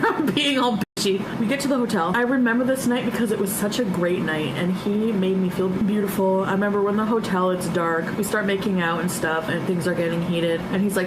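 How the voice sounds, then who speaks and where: A woman's voice: on the low side, heavy background noise. A woman casually recounting a personal story, chatty and blunt, swearing freely and laughing often. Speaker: storyteller recounting her past.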